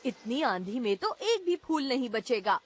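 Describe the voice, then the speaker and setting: A woman's voice: a little high, very animated, moderate pace. A woman voicing a spirited, teasing boy ninja in a cartoon dub, in a singsong, exclaiming manner. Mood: matter-of-fact. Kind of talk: Hindi cartoon dub acting.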